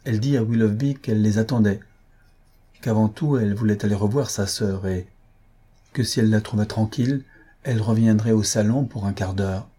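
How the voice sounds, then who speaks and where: A man narrating an audiobook of a classic novel, with even, literary storytelling. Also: fairly low pitch, moderate pace, husky. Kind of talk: scripted narration.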